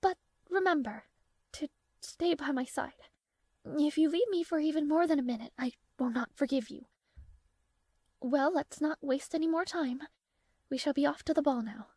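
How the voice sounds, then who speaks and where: A woman plays a young fantasy princess with a high voice, recorded very dry. She talks in imperious, courtly phrases to her knight in a romantic audio roleplay. Bashful hesitations betray her fondness beneath the haughty front. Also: normal speed, pauses often, darkish tone, no echo, natural voice. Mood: haughty, flustered.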